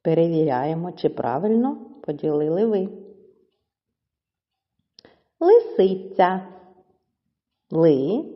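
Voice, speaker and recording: A woman teacher giving a slow, clear lesson to children, stretching words out syllable by syllable. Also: low-pitched, animated. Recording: dull audio with long reverb.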